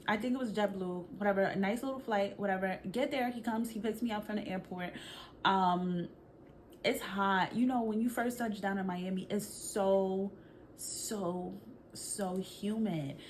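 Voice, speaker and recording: Brief: young Brooklyn woman vlogger, animated casual storyteller, mid-range voice, faint room noise. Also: medium pitch, normal speed. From Brooklyn, New York. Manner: animated, chatty, slangy, addresses viewers. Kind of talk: storytime vlog.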